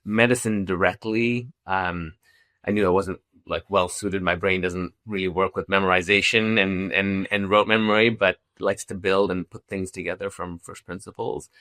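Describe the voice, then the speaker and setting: A man's voice: sits low, pushed and bright, no echo, clean studio sound. A middle-aged man from Zambia, a company founder talking casually as a podcast guest, with many restarts and fillers. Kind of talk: casual interview chat.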